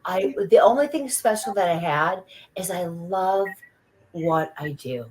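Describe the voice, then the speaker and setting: A woman's voice: lowish voice, expressive, a little slow, a little mellow, slight background noise, rough recording. A woman in her forties co-hosting a podcast, chatting casually in a blunt, outspoken way and laughing often. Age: 40s. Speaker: podcast co-host. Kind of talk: casual chat.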